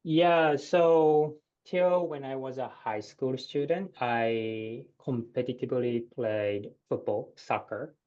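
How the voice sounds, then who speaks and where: A man in his thirties from Japan, with a Japanese accent, answering interview questions in a measured way with many "uh" pauses. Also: mid-range voice, a little mellow. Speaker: guest researcher. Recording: dull lo-fi sound.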